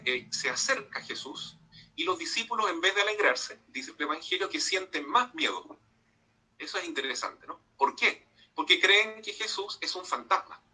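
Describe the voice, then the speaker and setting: A priest gives a relaxed, conversational sermon over a video call, often ending sentences with a quick tag question. His voice sits a little high for a man and sounds very sharp and forceful. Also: breathy edge, poor audio. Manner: conversational preaching with frequent tag questions and fillers. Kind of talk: informal sermon-style talk to young people. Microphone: video call microphone.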